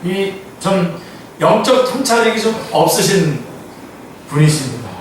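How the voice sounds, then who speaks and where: A man preaches at an afternoon Bible study, reading scripture and then explaining it with questions to his listeners. His voice sits fairly high. It echoes heavily through the church, recorded from far off with faint room hum behind. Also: very animated, a little slow. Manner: reads scripture aloud then explains it, asks the congregation questions. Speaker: pastor. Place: church sanctuary.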